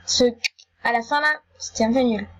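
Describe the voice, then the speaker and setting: Playing an online game, this female gaming YouTuber chatters excitedly in a high voice with a breathy edge, repeating herself and stumbling over words as she restarts sentences. The audio is roughly recorded.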